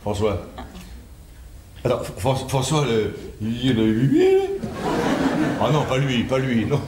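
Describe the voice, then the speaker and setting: A man's voice: medium pitch, slow pace, lightly acted. A man playing a jilted former partner in an amateur audio drama, rambling and stammering with nervous laughs. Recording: roomy amateur recording with noise.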